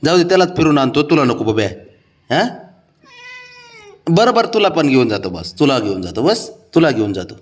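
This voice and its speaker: A man's voice: medium pitch, very animated, moderate pace, long pauses. A man teasing and coaxing his cats at home in a playful, sing-song baby-talk voice. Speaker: pet owner talking to his cats.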